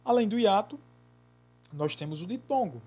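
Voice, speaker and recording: A man's voice: sits high, expressive, darkish tone. Patient male grammar teacher. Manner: explains patiently, repeating key words slowly. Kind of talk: grammar lesson.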